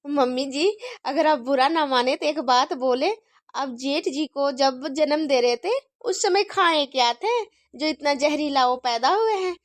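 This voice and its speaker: A chatty, earnest young daughter-in-law voiced by a woman in a cartoon story. Her voice is high. It is recorded dry and close. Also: a little slow, no echo.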